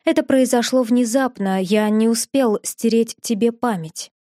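A woman voicing a gentle, remorseful young man who speaks softly and tenderly in an audiobook. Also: on the high side, measured pace, no echo, studio quality, lightly acted. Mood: confessional. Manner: soft, quiet, tender.

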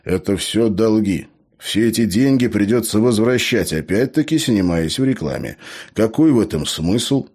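A man's voice: on the low side, expressive, normal speed, darkish tone, slightly rough, voice pushed up. A man doing a weary, honest hero. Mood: reluctant. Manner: tired, reluctant, sighing.

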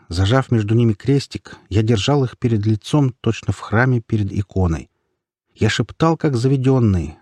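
A man reads an audiobook in the first person, his low voice husky and grainy. His delivery swings widely in pitch as he tells the tale, and the recording is dry and close. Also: no echo. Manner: expressive first-person storytelling. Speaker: narrator. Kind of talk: audiobook narration.

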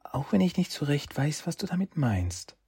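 A man doing a gentle young woman. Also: fairly high pitch, big pitch swings, normal speed, husky, voice pushed up, full character voice. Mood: warm. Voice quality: raised, soft voice.

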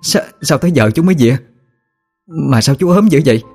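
Một người đàn ông giọng miền Nam lồng tiếng một phụ nữ nông thôn hiền hậu, hỏi han dồn dập. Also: male voice, medium pitch, warm tone, faint music behind, natural voice. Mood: fussing. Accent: Southern Vietnamese. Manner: fussing, rapid questions. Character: tearful doting country woman.

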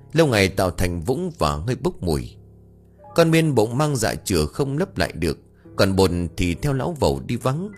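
A man narrating a scripted ghost story with steady storytelling. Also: mid-range voice.

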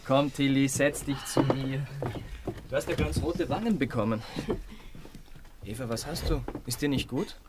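An actor playing a gentle, soft-spoken young man in a radio play. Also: medium pitch, a little slow, pauses often, noisy background, close to an everyday voice.

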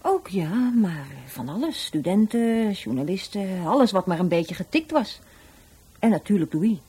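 In a radio drama, an actress plays a blunt, offhand, cynical woman, the sister of a murder victim, speaking in a dry, nonchalant, dismissive way. Her voice is medium-pitched, mellow and husky, very animated yet unhurried.

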